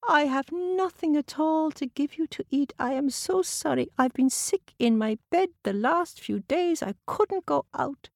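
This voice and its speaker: A woman's voice: high-pitched, expressive, gravelly, dry recording, studio quality, voice pushed up, full character voice. A woman voicing a frail, kindly old woman who has been sick in bed. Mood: apologetic. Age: older. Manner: soft, slow and grateful.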